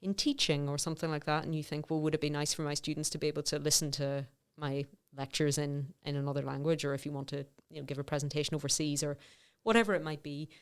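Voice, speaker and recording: A middle-aged woman researcher, a native English speaker, is a guest on a podcast in a conversational interview. Her low, clean voice holds a steady tone and moves fast with hardly any pauses, though she thinks aloud with plenty of fillers and restarts.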